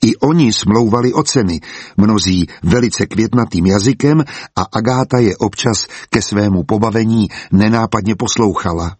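A man narrating a storybook as an audiobook, in a calm and even way. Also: fairly low pitch, husky, no room sound.

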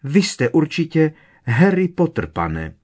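A man voicing a tiny, servile female house-elf with a squeaky, trembling voice, reading a storybook. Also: sing-song, a little mellow, breathy edge. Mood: awed. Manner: fearful, deferential, keeps saying sir.

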